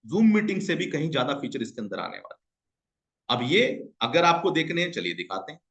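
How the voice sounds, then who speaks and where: A man giving a hyped, salesy screen-share pitch for an online business, constantly calling out to his viewers as friends. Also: big pitch swings, a little fast, fairly bright tone.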